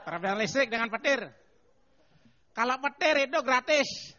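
Older man doing animated stand-up. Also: very high voice, normal speed. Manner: animated, chanting mock announcements in a raised voice. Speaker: guest stand-up comedian. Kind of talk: stand-up comedy routine. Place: TV studio stage with live audience. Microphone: handheld mic on stand. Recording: dull lo-fi TV broadcast.

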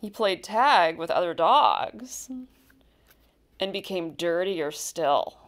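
A woman reading a children's picture book aloud, with expressive, deliberate storytelling and stressed key words. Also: on the low side. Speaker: storybook reader.

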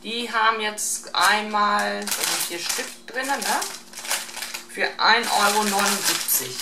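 Casting: middle-aged woman, casual haul vlogger with halting item-by-item delivery, picked up from a distance in an echoey kitchen. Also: medium pitch. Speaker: vlogger showing a shopping haul. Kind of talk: casual unscripted haul commentary. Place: home kitchen, indoors. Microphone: camera mic at a short distance. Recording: roomy, distant camera mic with clear noise.

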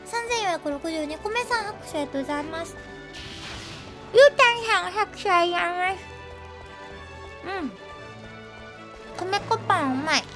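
A woman's voice: extremely high pitch, fairly quick, long pauses. A woman live-streaming a game, chatty and laughing often, a bit nasal from a cold. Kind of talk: casual live-stream commentary. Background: game music.

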